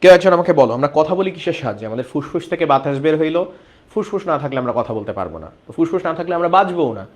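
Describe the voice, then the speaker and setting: A male biology teacher runs an online class, his voice sitting a little higher than most men's. He explains each point step by step and keeps turning to his students with questions. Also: expressive, very fast.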